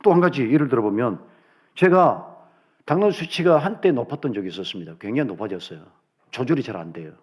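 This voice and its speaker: A man's voice: medium pitch, big pitch swings, quick pace, husky. A middle-aged man, a pastor, preaching a sermon and asking the congregation rhetorical questions.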